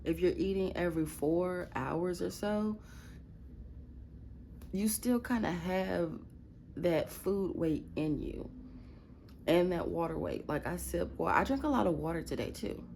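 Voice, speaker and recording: Unhurried and expressive, her lowish voice has vocal fry, long pauses, and a slightly mellow quality, with a little hiss or hum behind it. The Midwestern American woman is casually vlogging from her bedroom at night in a groggy just-woke-up voice, telling blunt, profane, rambling stories.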